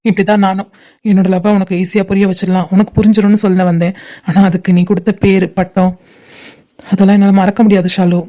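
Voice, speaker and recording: A woman's voice: mid-range voice, little pitch movement, fast, warm tone, natural voice. A woman voicing a heartbroken young man in a fan-made cartoon, pleading and repeating please as he turns away his love. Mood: pained.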